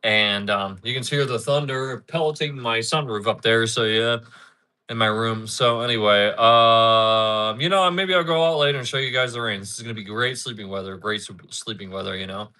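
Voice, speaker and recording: A man's voice: mid-range voice, normal speed, pushed and bright. A man in his thirties chatting casually on a live stream, rambling, repeating himself and answering his chat. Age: 30s. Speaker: livestreamer.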